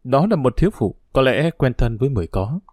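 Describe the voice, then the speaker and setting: A man voicing a caring middle-aged mother who reassures her daughter, gentle but firm. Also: medium pitch, lively intonation, brisk, no room sound, clean studio sound, lightly acted.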